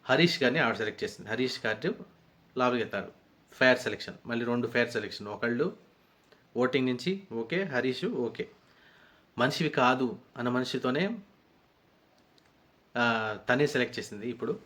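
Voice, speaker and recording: A man's voice: medium pitch, lively intonation, normal speed, long pauses, fairly bright tone. A man giving a rambling, conversational recap of a reality show episode as a reviewer. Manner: rambling, conversational retelling with frequent restarts.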